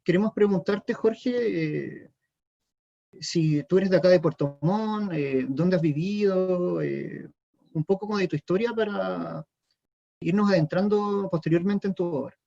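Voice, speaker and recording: A Chilean man with a high yet mellow voice, heard through a muffled, lo-fi video call. He poses interview questions deliberately, building his phrases a piece at a time. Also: vocal fry. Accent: Chilean Spanish.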